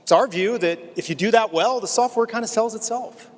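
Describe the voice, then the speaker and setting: A middle-aged man, an executive on stage, answering questions with dry deadpan wit. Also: high voice, a little fast. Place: large conference hall stage. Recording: echoey hall.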